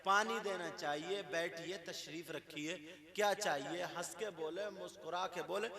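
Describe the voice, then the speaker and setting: A man giving an animated sermon, acting out household quarrels and rising to shouts. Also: high voice, a little slow. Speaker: Islamic preacher. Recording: echoey hall with crowd.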